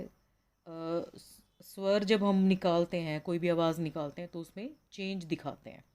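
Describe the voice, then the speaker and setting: Indian woman teacher, low warm voice, patient lecture with slow read-aloud examples. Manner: explains slowly, reads example sentences in drawn-out English. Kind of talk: classroom lecture.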